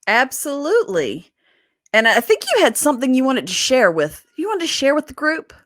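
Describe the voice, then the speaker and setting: A woman's voice: sits high, very animated, moderate pace. A woman co-hosting a podcast in casual chat, bubbly and laughing a lot. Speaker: podcast co-host.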